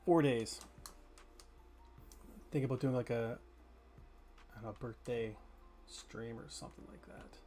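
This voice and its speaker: A man's voice: mid-range voice, a little slow, pauses often, warm tone, soft background music. A man chatting casually with his chat while streaming a game, joking and swearing freely. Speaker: gaming streamer. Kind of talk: casual live gameplay chatter.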